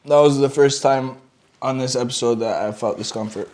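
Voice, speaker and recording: A young man as a podcast guest in casual chat, relaxed and measured, trailing off with fillers while he eats spicy wings. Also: mid-range voice.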